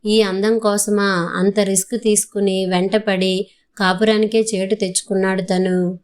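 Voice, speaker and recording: Smooth, level-voiced woman reading a story. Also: mid-range voice, level tone, a little slow, darkish tone. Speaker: audiobook narrator. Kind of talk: scripted story narration.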